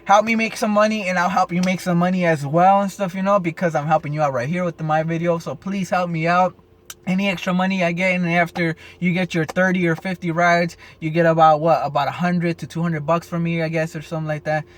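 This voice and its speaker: A man's voice: sits high, level tone, brisk. A man vlogging as a rideshare driver, rambling and swearing, tacking "and stuff, you know" onto his sentences, caffeinated early in the morning. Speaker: rideshare driver giving advice. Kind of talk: casual unscripted vlog.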